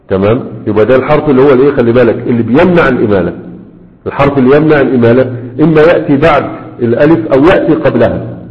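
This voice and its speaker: Fast-talking Egyptian teacher, tinny and echoey. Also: male voice, mid-range voice. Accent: Egyptian Arabic. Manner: checks in with students often, repeating questions. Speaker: grammar teacher. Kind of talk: classroom lecture.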